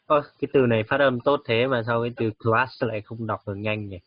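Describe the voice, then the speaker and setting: A man teaching English to a child, patient and coaxing, slowly repeating words to model how they sound. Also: medium pitch, fairly even intonation, no echo. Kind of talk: one-on-one English lesson for a child. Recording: dull, dry lo-fi recording.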